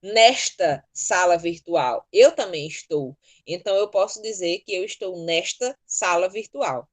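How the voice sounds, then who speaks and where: Explaining spelling rules patiently and methodically, a Brazilian woman leads a virtual class using her computer mic. Her Brazilian Portuguese accent comes through a mid-range, expressive voice at a moderate pace.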